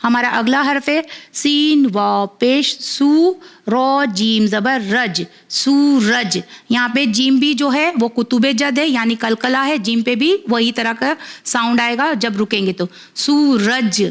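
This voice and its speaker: Woman teacher slowly spelling syllables for children. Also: a little high. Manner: slow, drawn-out syllable-by-syllable spelling, then brisk explanations. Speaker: Quran reading teacher for children.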